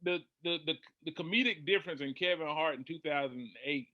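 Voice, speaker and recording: A man speaking as a panel guest in casual discussion, measured and opinionated. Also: on the high side, no echo, highs cut off.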